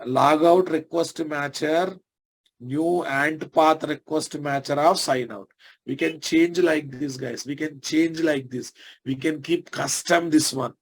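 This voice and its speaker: A man with a Telugu Indian accent and a slightly higher-pitched voice teaches programming. He talks informally and conversationally, as an instructor in a live lesson. He often addresses his listeners directly and puts checking questions to them.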